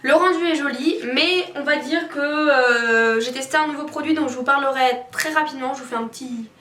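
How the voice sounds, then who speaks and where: A woman's voice: high-pitched, a little fast, fairly bright tone, slight background noise. A woman chatting casually to viewers as a beauty vlogger reviewing products, candid and opinionated in colloquial wording. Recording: roomy echo, distant mic, faint music behind.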